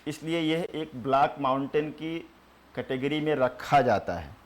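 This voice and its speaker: A man teaching a geography class, repeating terms slowly for notes and answering his own questions. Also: fairly high pitch. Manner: repeats key terms slowly for students to write.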